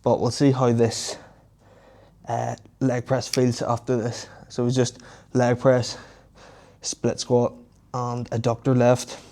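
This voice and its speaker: A man's voice: mid-range voice, completely flat delivery, takes it slowly, warm tone. A young man giving casual, matter-of-fact commentary on his training between weightlifting sets in an informal way. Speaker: fitness vlogger.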